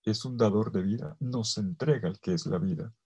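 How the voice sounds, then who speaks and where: A male priest giving a theology lecture, swinging between loud emphasis and soft, almost whispered phrases, and stretching key words slowly for weight. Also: on the low side, slightly rough. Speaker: priest teaching a theology course. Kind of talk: theology lecture to a virtual audience.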